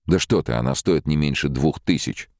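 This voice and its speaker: A man's voice: a bass voice, normal speed, darkish tone, dry recording, clean studio sound. A man voicing a blunt, weary emigrant. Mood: sardonic. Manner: blunt, sardonic. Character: weary defiant émigré man, middle-aged. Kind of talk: audiobook character voice.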